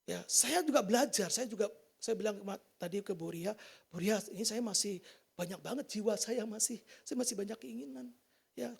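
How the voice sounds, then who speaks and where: A man giving an informal sermon testimony to a church congregation, talking in a colloquial, animated way and asking the listeners many rhetorical questions. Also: very high-pitched, vocal fry, slightly rough. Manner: colloquial, slangy delivery. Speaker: church preacher.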